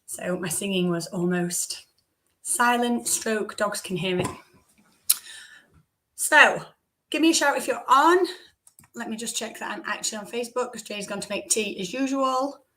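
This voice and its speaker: A woman hosting a live business stream, her voice croaky from recovering, chatting with asides to her viewers. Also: on the high side, a little slow, long pauses, pushed and bright. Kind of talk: casual live-stream talk.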